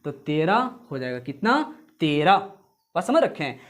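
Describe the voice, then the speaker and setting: A coaching teacher with a fairly high, sing-song voice speaks a little slowly in an exam-prep lesson, drilling points again and again. He calls his viewers "friends" and explains memory tricks using jokes and bits of song.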